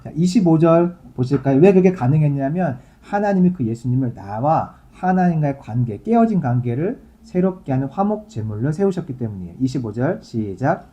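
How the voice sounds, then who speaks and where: Very dark-voiced male pastor preaching. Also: a little high, big pitch swings, brisk, few pauses, dull audio. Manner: conversational preaching, reads scripture aloud and explains it. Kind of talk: sermon.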